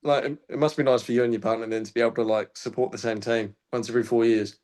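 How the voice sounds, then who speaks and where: A man from Australia talks as a guest reporter on a podcast. His speech is casual and searching, with an average-pitched voice. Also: steady tone, quick pace, a little mellow. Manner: thinks aloud, hesitant with fillers and restarts. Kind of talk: casual chat.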